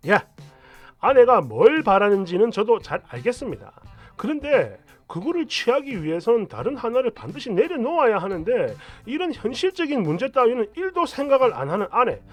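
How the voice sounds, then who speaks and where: A man reading a listener's story aloud with expressive delivery, shifting between weary mutters and angry outbursts. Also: very high-pitched, no room sound.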